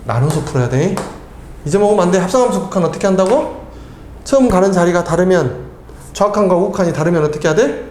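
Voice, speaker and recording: Lively man quizzing a student. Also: sits high, fast talker, a little hiss or hum. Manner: quizzing with constant tag questions. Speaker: math tutor. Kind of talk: tutoring lesson with casual chat. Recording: echoey room.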